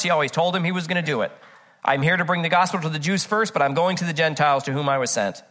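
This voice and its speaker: A man's voice: on the high side, bright, forceful tone. A man preaching a conversational sermon, reading scripture aloud and telling personal stories with frequent "uh" fillers. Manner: earnest and chatty, with frequent "uh, uh" fillers; tells personal anecdotes with humor. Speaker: pastor.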